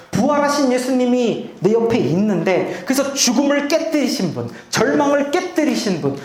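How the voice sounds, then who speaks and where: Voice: mid-range voice, a little mellow, echoey room. A pastor preaching a sermon in a church, often putting rhetorical questions to the congregation. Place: church sanctuary.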